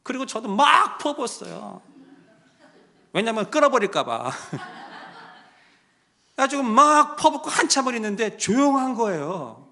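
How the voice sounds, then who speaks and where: A male pastor telling a story in his sermon, dropping to a hush and then rising loud and impassioned. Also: very high voice, sing-song, unhurried, gravelly, long pauses. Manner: swings from hushed to loud and impassioned.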